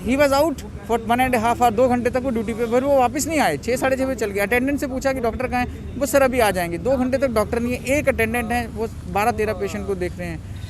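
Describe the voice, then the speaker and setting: A man related to the deceased is interviewed outdoors at a cremation ground, with crowd noise all around. His high voice runs a little fast and sounds agitated, and he quotes other people's words.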